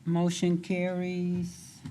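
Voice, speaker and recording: A woman runs a city council meeting as mayor, calling motions and votes in a brisk procedural way. Her tone stays lightly friendly. Faint room noise sits behind her, and the mic sometimes sounds distant. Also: on the low side, monotone, dark tone.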